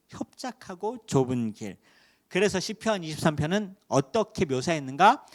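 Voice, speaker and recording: Male pastor, sermon delivery, lively swings in pitch, fairly high voice, dramatic rises. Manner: animated preaching with rhetorical questions and sudden loud rises. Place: church sanctuary.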